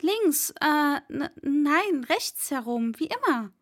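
A woman's voice: high-pitched, lively intonation, slow pace, a bit bright, no echo, studio quality, voice pushed up, full character voice. Woman voicing a timid, pleading young servant. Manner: pleading, flustered.

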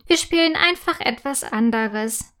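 A woman reading a children's story voices Stella, a cheerful young girl, in a high girlish tone. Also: lively intonation, unhurried, fairly bright tone. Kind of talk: storybook character voice.

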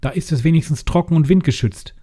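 A man playing a gentle, apologetic innkeeper. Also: a little high, fast talker, a little hiss or hum, voice pushed up, close to an everyday voice. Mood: regretful. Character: kind, regretful innkeeper man. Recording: music behind the voice.

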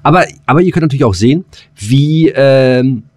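A man co-hosting a casual podcast chats in a loose, rambling, hesitant way, with some crude slang. His voice is mid-range, expressive and darkish at normal speed, recorded at studio quality with no echo.

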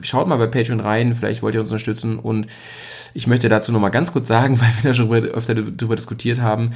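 A man's voice: medium pitch, flat delivery, fast, darkish tone. A man hosting a casual podcast, rambling with many fillers and self-mocking asides. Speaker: podcast host.

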